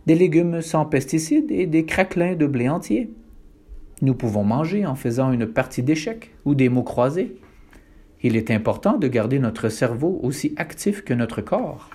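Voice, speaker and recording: A man's voice: fairly high pitch, expressive, moderate pace, mellow, slightly rough. A man voicing an earnest young girl who is an animal-rights activist, talking in an indignant, preachy way. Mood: cheerful.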